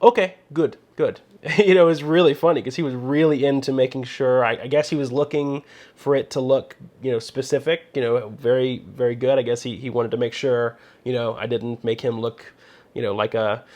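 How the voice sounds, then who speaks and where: A man with a mid-range voice tells a relaxed photography story, rambling and chatty. He keeps dropping in "you know" as he goes, sounding like a host talking straight to his viewers. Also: mid-range voice, a little fast. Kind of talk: casual storytelling with photography tips.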